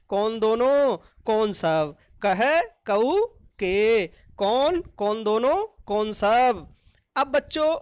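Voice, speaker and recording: Slow, patient woman teacher. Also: fairly high pitch, no room sound. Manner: slow and repetitive, asks questions then answers them. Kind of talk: classroom lesson explanation.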